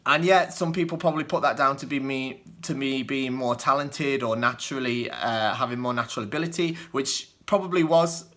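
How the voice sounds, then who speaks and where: A northern English man from the northwest, with a mild Lancashire-Yorkshire accent, speaks brightly at a medium pitch, briskly and with few pauses. As a kendo channel host in a casual, off-the-cuff Q&A with viewers, he is chatty yet hesitant, using lots of ums and uhs and chuckling often.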